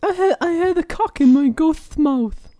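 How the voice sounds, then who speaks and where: A shrill lisping ghost. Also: male voice, animated, normal speed, mellow. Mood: squeaky. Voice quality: high lisping falsetto. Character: ghost roommate, shrill and lispy.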